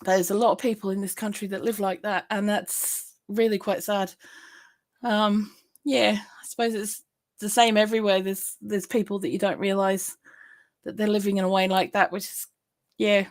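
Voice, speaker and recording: A woman's voice: medium pitch, little pitch movement, normal speed. A woman hosting a casual live stream, chatting in a rambling way, laughing often and answering viewer comments.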